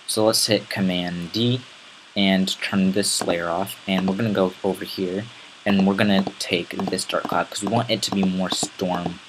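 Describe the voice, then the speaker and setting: A man with a raspy voice giving a casual, rambling step-by-step software tutorial. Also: deep voice, fairly even intonation, moderate pace, background noise. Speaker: tutorial host. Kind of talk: screen-recorded software tutorial.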